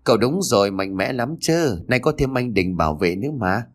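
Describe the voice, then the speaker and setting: A man's voice: mid-range voice, expressive, normal speed, natural voice. A man voicing a loyal, teasing male school friend in a read-aloud story.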